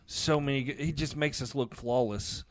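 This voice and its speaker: A man's voice: medium pitch, normal speed. A man with a Southern US accent co-hosting a casual podcast in a self-deprecating, joking way. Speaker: podcast co-host.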